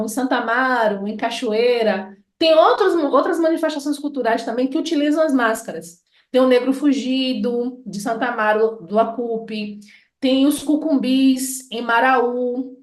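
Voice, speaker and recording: A Brazilian woman with a Bahian accent, an educator giving a lecture, slowly drawing out her example words. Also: sits high. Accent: Bahian Portuguese. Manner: deliberate, stretches out example words. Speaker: educator and researcher. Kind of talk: lecture explaining linguistics. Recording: echoey room.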